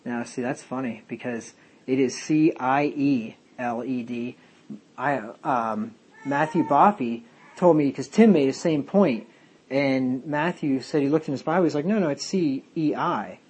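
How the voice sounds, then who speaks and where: A man's voice: medium pitch, a little slow, a little mellow, husky. A man, a pastor, teaching a Bible study sermon, reading King James verses aloud and explaining them.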